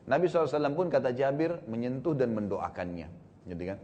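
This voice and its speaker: A man giving a storytelling sermon to a congregation, retelling the tale with lively energy and frequent tag fillers. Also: mid-range voice, racing, muffled recording, slight background noise. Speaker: preacher.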